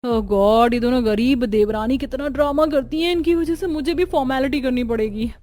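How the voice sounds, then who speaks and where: A woman's voice: sits high, a little fast, darkish tone, slight background noise, lightly acted. A woman voicing a spoiled, snobbish rich young bride in a cartoon, haughty and complaining. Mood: disdainful.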